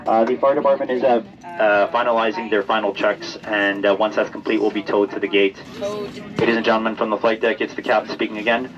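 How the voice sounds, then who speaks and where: Pilot over the cabin speaker, muffled. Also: male voice, lowish voice, fairly even intonation, distant mic, a crowd in the background. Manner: hesitant, with many filler pauses. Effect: pilot announcement over the plane's cabin speaker. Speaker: airline captain. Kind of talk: formal cabin announcement. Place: inside a grounded airliner cabin. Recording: muffled cabin speaker filmed from a seat, with engine noise.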